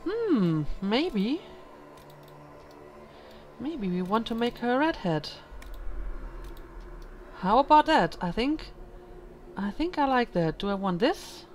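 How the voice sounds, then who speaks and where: A woman hosting a casual let's play, musing out loud in a thoughtful, hesitant way with lots of ums, recorded at home. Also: a little high, sing-song, takes it slowly, long pauses, slight background noise. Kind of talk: casual gaming commentary.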